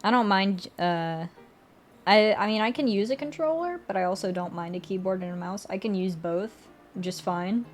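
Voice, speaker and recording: A woman's voice: medium pitch, normal speed, faint music behind. A young woman streamer chatting casually while drawing, rambling and correcting herself, often laughing.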